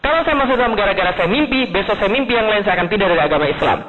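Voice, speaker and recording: A man from Indonesia delivers a lively religious lecture, talking quickly and asking his listeners rhetorical questions. His voice sits high and jumps between emphatic peaks and low asides. The recording is thin and phone-like, with a long reverb from a large hall. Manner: asks the audience rhetorical questions. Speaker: preacher. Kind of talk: Islamic lecture to an audience.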